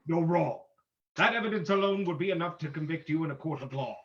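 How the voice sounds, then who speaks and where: Commanding radio-drama sleuth , male actor: formal, theatrical, highish voice, widely swinging pitch. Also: expressive, brisk. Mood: stern, menacing. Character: the Shadow, commanding unseen crime-fighting sleuth, adult man. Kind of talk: old-time radio drama reading. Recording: dull lo-fi audio.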